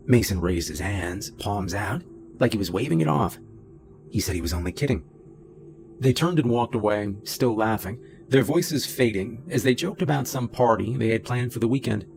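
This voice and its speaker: A middle-aged man narrating a first-person horror story in a low, steady, deliberate way. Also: gravelly. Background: faint music.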